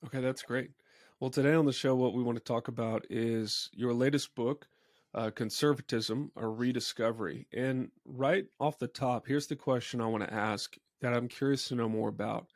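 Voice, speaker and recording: A man's voice: mid-range voice, steady tone, normal speed, dry recording, studio quality. Plain-spoken American man hosting a podcast. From United States. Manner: friendly, plain-spoken, asks long winding questions. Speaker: podcast host and pastor. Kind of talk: conversational podcast interviewing.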